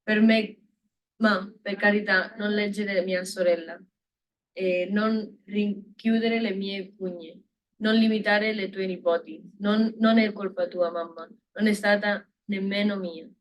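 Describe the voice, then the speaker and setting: A woman's voice: mid-range voice, fairly even intonation, slow pace, dull audio. A woman from Italy, a student, reading a poem aloud in class, earnest and stumbling over words. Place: lecture room.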